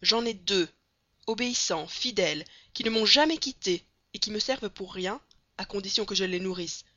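A woman voicing a brash, loud middle-aged male American showman in a storybook reading, blunt and mocking, on a slightly dull, dry recording. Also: medium pitch, moderate pace, no room sound. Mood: boisterous.

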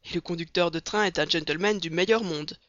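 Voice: medium pitch, brisk, a bit bright, no room sound, natural voice. A reader voicing a loyal manservant musing wryly to himself, in a dull, dry recording.

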